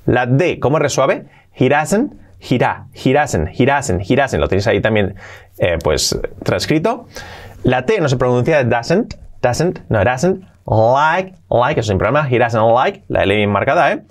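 A man from Spain with a Spanish accent, teaching English pronunciation and repeating phrases slowly for drilling. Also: medium pitch, sing-song. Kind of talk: pronunciation lesson.

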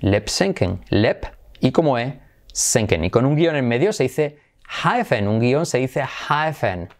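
A middle-aged man from Spain with a Spanish accent, hosting a playful online English lesson and jumping high in pitch for emphasis. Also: measured pace. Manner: lively, playful, swings high for emphasis and laughs. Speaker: English teacher, channel host.

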